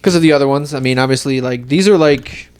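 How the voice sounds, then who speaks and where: A man's voice: medium pitch, fast talker, darkish tone, smooth. A man co-hosting a podcast, bluntly grumbling about movies in casual chat. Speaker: podcast co-host.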